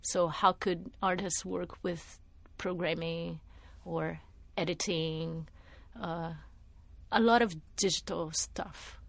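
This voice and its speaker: This gravelly, low-leaning voice belongs to a middle-aged woman from Brazil who works as a media artist and used to teach art. She responds to an interview slowly and with a steady tone, pausing to restart and fill gaps often, and there is no room sound at all.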